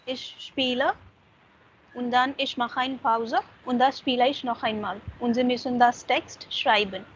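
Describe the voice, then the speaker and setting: A woman's voice: a little high, fairly even intonation, measured pace. A woman tutoring German online, giving prompts in German and English with patience. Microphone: video call. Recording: muffled video call with faint noise.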